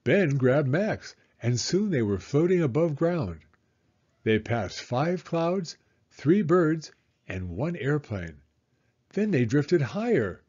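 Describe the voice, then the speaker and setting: A man narrates a children's storybook aloud, his phrasing expressive and deliberate. His voice is fairly high and husky, and the sound is slightly dull.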